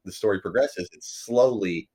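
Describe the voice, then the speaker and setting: Brief: low-pitched male podcast co-host, loose rambling delivery, heavy on "you know". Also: normal speed, darkish tone, breathy edge. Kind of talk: casual book discussion.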